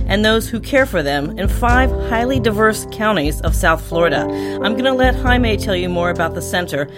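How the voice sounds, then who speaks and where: A woman hosting a podcast, reading a scripted introduction and then interviewing her guest with soft acknowledgements. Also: mid-range voice. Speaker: podcast host.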